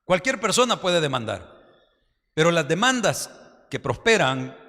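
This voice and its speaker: Pastor preaching hard, bright punchy voice, big churchy reverb. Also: male voice, on the high side, big pitch swings, measured pace. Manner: fervent preaching with sudden drops to a confiding tone. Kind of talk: sermon. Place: church hall.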